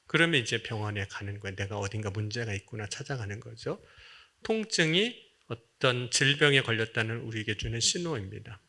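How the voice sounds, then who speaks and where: A man's voice: mid-range voice, sharp tone. A male pastor preaching a sermon at a Friday prayer meeting, earnestly addressing the congregation with rising and falling emphasis. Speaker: senior pastor.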